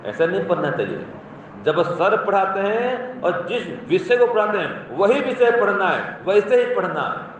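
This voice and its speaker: High-voiced man lecturing students in echoey hall. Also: big pitch swings, normal speed, slight background noise. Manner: teacherly, questions and praises students, repeats points. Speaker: speaker addressing school students. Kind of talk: moral talk to a class. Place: school hall or classroom. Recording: very echoey, distant, muffled room recording.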